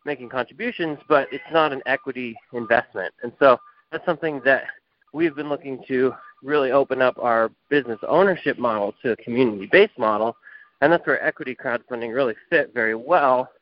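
A company founder is interviewed over a muffled, dry phone line. His medium-pitched voice moves fairly quickly as he gives long explanatory answers full of fillers.

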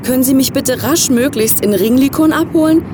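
A woman's voice: high voice, fairly quick, background noise, voice pushed up, natural voice. A woman voicing a panicked stranded man. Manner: voice cracking with panic. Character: frightened man stranded in the snowy dark.

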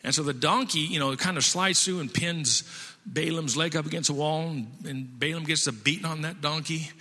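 A man's voice: a little high, normal speed, pushed and bright. A man preaching a sermon in a folksy storytelling way with restarts, in a long-reverb hall. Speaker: pastor.

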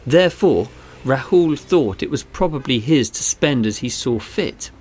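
Man narrating a story, measured pace. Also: mid-range voice, animated, a little mellow, a little hiss or hum. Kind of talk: scripted narration.

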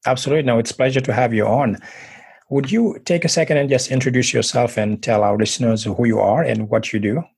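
A man's voice: mid-range voice, fast talker, gravelly, a little mellow, husky, no room sound. A man hosting a motivational podcast, talking to listeners in a direct, encouraging way. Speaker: podcast host.

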